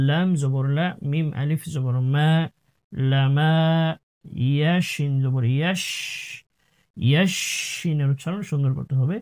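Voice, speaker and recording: A man teaching Quran recitation in a lesson, spelling each syllable and then chanting the whole word in a slow, drawn-out way. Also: fairly high pitch, darkish tone.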